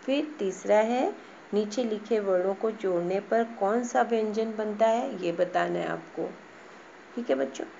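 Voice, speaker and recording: A woman teaches young children, going slowly and patiently, repeating each word and spelling it out. Her voice sits at an ordinary middle pitch. The recording is a little dull and lo-fi, with a faint hiss underneath. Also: creaky, mellow. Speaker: school teacher. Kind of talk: online class lesson.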